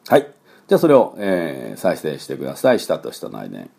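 A man teaching English pronunciation in a relaxed, chatty way with many fillers, coaching learners to repeat after him. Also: rumbling low, creaky, slightly rough. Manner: coaching learners to repeat, demonstrating sounds slowly. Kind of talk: pronunciation lesson.

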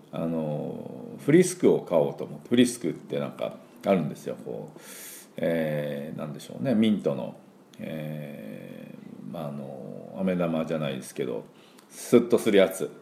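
A middle-aged man giving a chatty spoken pronunciation lesson, full of fillers and slow demonstrations of sounds. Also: rumbling low, big pitch swings, creaky, mellow, roomy sound. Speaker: English pronunciation teacher.

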